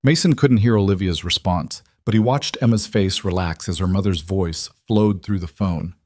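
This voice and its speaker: A man narrating a scripted story in a calm, even manner. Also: low-pitched, normal speed, slight background noise.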